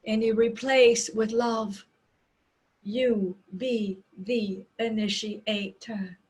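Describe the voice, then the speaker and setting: A woman speaking as a seance medium in trance, voicing a loving, serene spirit collective with solemn, deliberate phrasing and dramatic pauses. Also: on the high side, steady tone, darkish tone, slightly rough, heavily acted, rough recording. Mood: loving, exalted.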